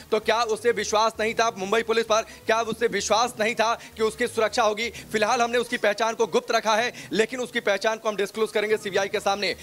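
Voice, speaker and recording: A man's voice: very high voice, a bit bright. A male news reporter building urgency with rhetorical questions and dramatic emphasis.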